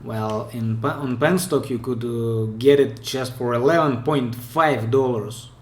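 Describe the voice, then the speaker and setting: A man with a Russian accent gives relaxed commentary on viewer clips. He talks at an unhurried pace and often breaks off to restart a phrase. The sound has the echo of a bare room. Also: mid-range voice. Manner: chatty, hesitant, restarts mid-phrase. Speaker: pen spinning channel host. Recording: echoey room.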